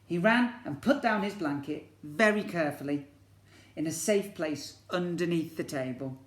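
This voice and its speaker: Reading a storybook to young children at a moderate pace, a man with a fairly high voice uses the expressive style of an infant school teacher and asks his pupils questions. The sound echoes around the room.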